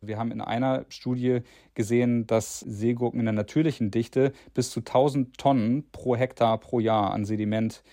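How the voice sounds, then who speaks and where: A man's voice: medium pitch, fairly even intonation, normal speed, few pauses, warm tone, no room sound, studio quality. A man speaking as an expert in an interview, explaining things spontaneously in everyday words. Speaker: reef ecologist interviewed as expert.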